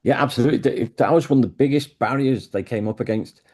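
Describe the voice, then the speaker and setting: Appearing as a guest in a conversational interview, a music historian tells stories with real enthusiasm. His voice is medium-pitched and darkish, and he speaks quickly.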